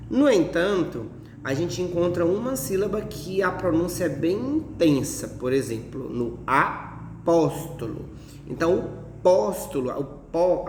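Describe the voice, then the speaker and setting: A man's voice: a little high, slight background noise. A male Brazilian Portuguese teacher giving an informal lesson, patiently explaining and repeating himself with many fillers. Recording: echoey room with long reverb.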